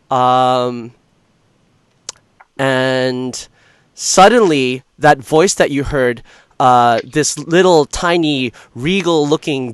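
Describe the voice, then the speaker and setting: A man acting as game master, improvising narration for a tabletop game in halting, hesitant phrases. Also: mid-range voice, clean tone, no room sound.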